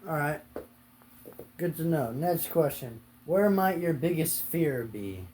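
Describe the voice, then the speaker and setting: Slow-talking male interviewer. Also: a little high, expressive, a little mellow, a little hiss or hum. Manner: asks short questions, brief acknowledgements. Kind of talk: casual interview questions.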